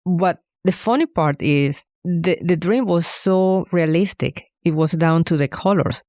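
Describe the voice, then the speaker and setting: A woman's voice: lowish voice, unhurried, a little mellow, no echo, clean studio sound. A middle-aged woman from Venezuela, telling her story as an interview guest in an earnest, reflective way. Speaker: guest, bakery owner. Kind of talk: casual interview answers.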